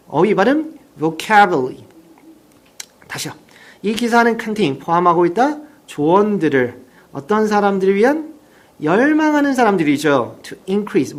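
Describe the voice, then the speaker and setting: A teacher giving a recorded vocabulary lesson, reading example sentences slowly and having listeners repeat each word. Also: medium pitch. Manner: reads example sentences slowly, then drills words for repetition; explains in plain, chatty teacher talk.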